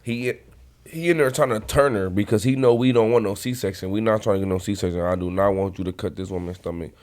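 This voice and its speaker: A man's voice: on the low side, brisk, a little mellow. A man with the hiccups, earnestly telling a personal story in casual podcast chat. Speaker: podcast host.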